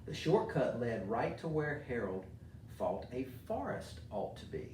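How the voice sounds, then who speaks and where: Middle-aged American man, children's story-time speaker, medium pitch, recorded at a distance with faint noise. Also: very animated, a little slow, a little mellow. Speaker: mayor reading to children. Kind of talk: informal talk and storybook read-aloud for children. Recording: roomy echo, distant mic, faint noise.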